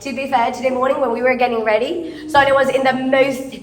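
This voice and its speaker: A young woman, raised in England, giving a halting speech full of fillers and introducing her family. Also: sits high, flat delivery. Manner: halting, with fillers and frequent laughs, mixing English and Malayalam. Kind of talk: affectionate speech, then casual chat. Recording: crowd chatter behind.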